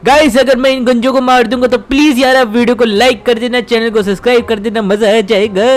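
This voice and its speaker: Woman putting on a mischievous little boy, high squeaky voice, whiny, excitable, panicky cartoonish game commentary. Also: fairly quick, lightly acted. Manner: whiny, excitable exclamations, talks to viewers. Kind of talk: gameplay commentary in character.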